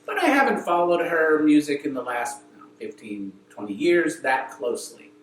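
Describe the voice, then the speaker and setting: A man's voice: on the high side, lively intonation, moderate pace, echoey room, slight background noise, poor audio. A man co-hosting a casual chat, interjecting and correcting details of the story. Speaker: co-host.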